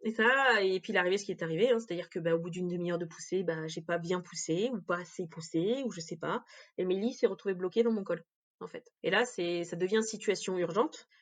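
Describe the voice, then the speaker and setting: A woman's voice: fairly low pitch, a little fast. A woman giving a candid personal account in an interview, speaking directly and with emotion. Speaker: interview guest.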